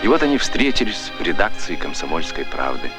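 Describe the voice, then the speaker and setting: Male old-newsreel announcer, low-pitched and declamatory, over a music score. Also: big pitch swings, a little fast. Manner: formal, declamatory announcer delivery. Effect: old newsreel narration. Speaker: documentary narrator. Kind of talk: scripted newsreel narration.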